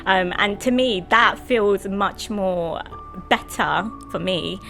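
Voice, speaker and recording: A woman's voice: mid-range voice, slow pace, creaky, a bit bright, soft background music. A woman co-hosting a casual podcast chat, conversational and full of "you know" fillers.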